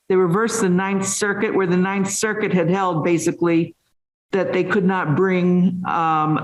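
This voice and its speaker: High-pitched male judge in a roomy courtroom. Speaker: appellate judge. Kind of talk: measured legal questioning. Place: indoor courtroom. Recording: echoey courtroom.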